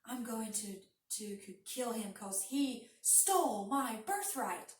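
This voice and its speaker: A woman's voice: fairly high pitch, lively intonation, takes it slowly. A woman doing an angry older brother. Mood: vengeful. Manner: upset, indignant. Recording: roomy, from a distance.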